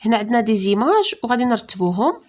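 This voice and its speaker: A woman with a Moroccan accent teaching a primary school reading lesson, saying French words slowly and clearly, then explaining them quickly. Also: on the high side, sing-song, darkish tone. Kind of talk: classroom lesson.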